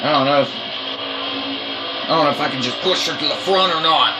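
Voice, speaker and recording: A man giving excited commentary on his own racing game play, urgent and repetitive as he coaxes and cheers. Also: on the high side, normal speed, over loud music, poor audio.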